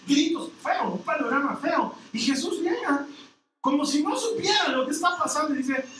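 A preacher telling a story in a lively, playful way, with acted voices. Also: high-pitched, moderate pace. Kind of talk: sermon with humorous storytelling. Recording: echoey hall, distant mic, noise.

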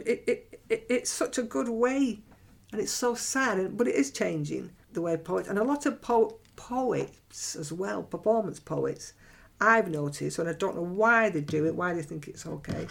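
A woman's voice: medium pitch, gravelly. A middle-aged woman poet talking candidly and bluntly about her writing, with many restarts and frequent laughter. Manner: blunt, chatty, frequent restarts and self-corrections; animated, laughs often. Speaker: writer and performance poet. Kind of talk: candid personal monologue.

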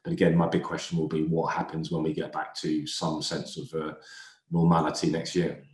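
A man's voice: extremely low pitch, flat delivery, moderate pace. A man talking as a guest retail analyst in a casual podcast chat, thoughtful and full of fillers. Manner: thoughtful, many fillers and restarts. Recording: roomy echo.

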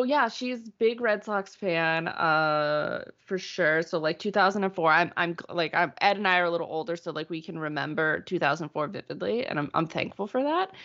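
Woman from Massachusetts, fairly low voice, chatty podcast co-host, dull lo-fi sound. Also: fairly bright tone. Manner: chatty, lots of fillers, laughs often. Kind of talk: casual podcast chat.

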